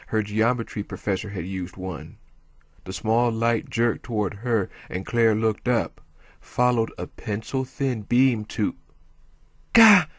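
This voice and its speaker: Low-voiced man reading a thriller. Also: no echo. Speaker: audiobook reader. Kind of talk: audiobook narration.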